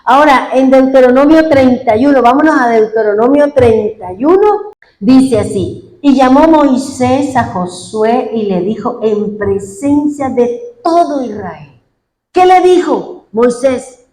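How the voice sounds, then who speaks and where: A woman's voice: sits high, animated, measured pace, a little mellow. A woman pastor preaching a fervent sermon, retelling what congregants said and praying aloud as she goes. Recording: echoey room.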